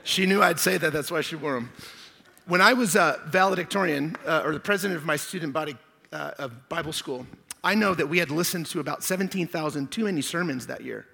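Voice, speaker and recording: A man preaching, hoarse from losing his voice, joking and rambling through asides at the start of his sermon. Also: a little high, fairly quick, bright, forceful tone. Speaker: pastor. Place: church hall. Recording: long hall reverb.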